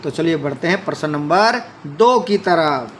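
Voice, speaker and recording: Slow, higher-voiced man teaching Sanskrit. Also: lively intonation, slight background noise. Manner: reads lines aloud, then explains them. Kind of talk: classroom explanation.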